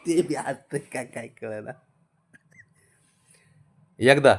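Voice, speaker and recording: A man's voice: medium pitch, slow, husky. A man at home filming his pet cat on a phone, coaxing it playfully with short repeated commands and frequent laughter. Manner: laughs often while talking. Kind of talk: casual talk to a pet. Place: indoors at home.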